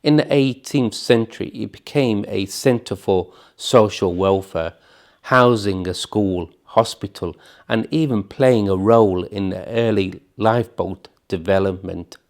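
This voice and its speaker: A man reading scripted documentary narration in measured, solemn phrases with dramatic pauses. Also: on the low side, darkish tone.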